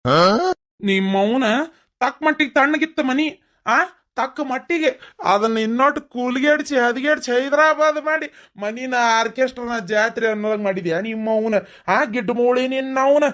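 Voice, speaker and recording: A gruff middle-aged cartoon husband , voiced by an actor who scolds and mocks his wife with a North Karnataka Kannada accent. His pitch sits in a middle range, and his delivery is sharp and sarcastic. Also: normal speed, natural voice.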